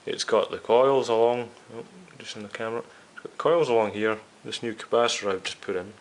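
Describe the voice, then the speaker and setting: In a hands-on repair video for his radio restoration series, a man talks casually and explains every step straight to his viewers. His voice is on the low side and a little quick.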